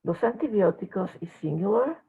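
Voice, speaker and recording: Gravelly, husky woman teaching over tinny audio. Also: medium pitch, animated. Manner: halting explanations with frequent filler pauses. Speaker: language teacher. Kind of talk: recorded lecture.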